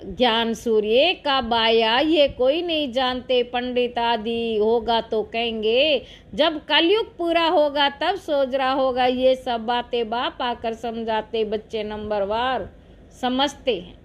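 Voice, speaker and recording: Woman, high voice, unhurried devotional reading; measured sermon delivery. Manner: slow, measured preaching. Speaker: spiritual reader.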